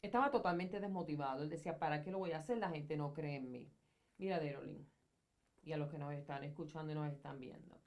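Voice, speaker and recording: A woman's voice: sits low, quick pace, darkish tone. A middle-aged woman speaking earnestly as a guest on a studio advice talk show, counseling and explaining in a conversational way. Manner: earnest, counseling, gestures widely while explaining. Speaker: social communicator guest. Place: studio set in armchair.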